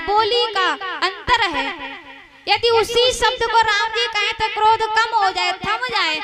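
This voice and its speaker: A woman telling a devotional story in a slow, storytelling discourse, sometimes singing verses. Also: very high voice. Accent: Hindi. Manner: slow, storytelling, breaks into sung chaupai. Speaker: kathavachak, religious storyteller. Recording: loud music behind the voice.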